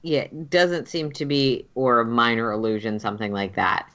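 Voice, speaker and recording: A woman's voice: a bass voice, animated, fairly bright tone, lo-fi sound. A woman running a tabletop roleplaying game as game master, narrating and refereeing in a casual, joking way. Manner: casual, joking, quick to laugh.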